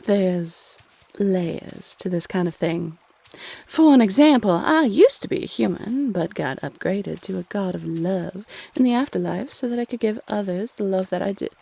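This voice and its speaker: A woman's voice: medium pitch, animated, normal speed, creaky, warm tone, slightly rough. A woman playing a playful, teasing Cupid, a bossy love goddess who chats sassily and uses pet names in an audio roleplay. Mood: warm, chatty. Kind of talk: scripted audio roleplay addressed to the listener.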